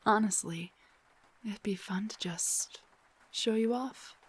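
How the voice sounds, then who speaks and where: Her role is a young rock singer, playful and teasing, in an intimate audio drama built on roleplay. The woman speaks in a soft, breathy way that often drops almost to a whisper, her husky voice in the mid range.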